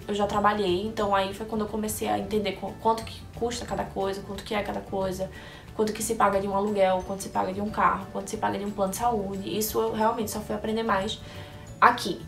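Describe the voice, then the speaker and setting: Filmed indoors under bright lights in Orlando, a young woman from Brazil speaks to camera in a creaky, medium-pitched voice, casually answering viewers' questions and often restarting as she thinks aloud. The audio is echoey, with her voice somewhat distant from the mic and faint background music.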